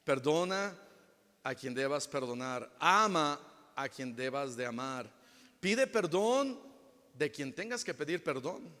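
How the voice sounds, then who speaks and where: A male pastor preaching a sermon with emphatic swings from loud to hushed, acting out the voices of people he quotes. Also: fairly high pitch, expressive, takes it slowly. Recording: long reverb of a large church hall.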